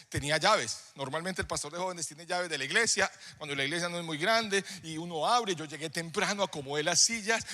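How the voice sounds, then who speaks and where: A man preaching a sermon, telling a personal story in a conversational way that builds into loud, emphatic preaching. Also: on the high side. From Colombia. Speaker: pastor. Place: church hall. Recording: live sermon in a reverberant hall.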